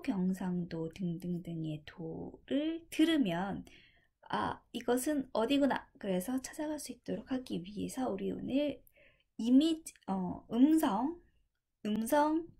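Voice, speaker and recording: A woman teacher explaining a coding task in a chatty classroom way, with soft asides. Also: medium pitch, gravelly, husky. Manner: chatty, with soft asides and acted inner thoughts.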